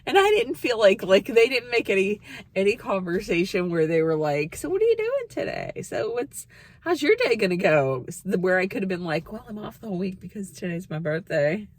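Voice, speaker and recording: A woman in her fifties chatting excitedly to camera in a casual vlog, with squeals and laughs. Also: medium pitch, normal speed. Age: 50s. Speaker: vlogger.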